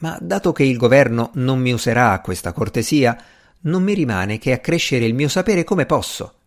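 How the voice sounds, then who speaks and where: A man's voice: mid-range voice, expressive, moderate pace, voice pushed up, close to an everyday voice. A man reading the part of an ambitious, impatient young male magician in an audiobook, earnest and easily irritated.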